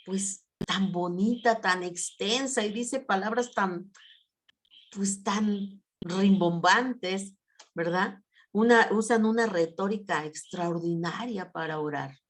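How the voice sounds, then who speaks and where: Woman preaching a conversational sermon. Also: medium pitch. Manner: conversational, tag questions, repeated words, acts out prayers.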